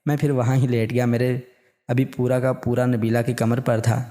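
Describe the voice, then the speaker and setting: A man narrating a written story in a calm, steady reading voice. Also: medium pitch.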